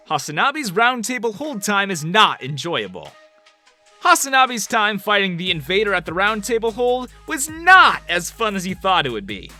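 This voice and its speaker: A man's voice: high-pitched, pushed and bright. A man reading scripted countdown narration for a video compilation in an upbeat delivery.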